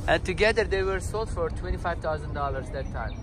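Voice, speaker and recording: Chatty tour guide man, high voice. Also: expressive, fairly quick. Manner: chatty, joking, broken English grammar. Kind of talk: guided walking tour commentary. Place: outdoors in a city park by a lake. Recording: outdoor phone recording with background noise.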